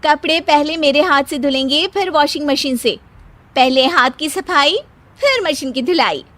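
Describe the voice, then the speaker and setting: Woman acting a high-pitched, bossy young daughter-in-law. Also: expressive, normal speed, a bit bright. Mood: insistent. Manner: boastful, scolding, insistent. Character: proud, bossy young daughter-in-law who boasts about her hands. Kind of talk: Hindi family comedy story acting.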